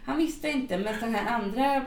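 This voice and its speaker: A woman's voice: on the high side, far from the mic, slight background noise. A middle-aged woman co-hosting a podcast, chatting casually and rambling with lots of fillers. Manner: rambling, full of fillers like "liksom". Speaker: podcast co-host. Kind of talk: casual chat. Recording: roomy echo, away from the mic.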